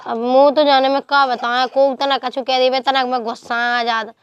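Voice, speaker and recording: A woman's voice: sits high, little pitch movement, normal speed, smooth, dry recording, muffled recording, close to an everyday voice. A woman playing a short-tempered village wife in a comedy sketch, talking bluntly. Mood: complaining. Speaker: angry wife. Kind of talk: rural comedy sketch acting.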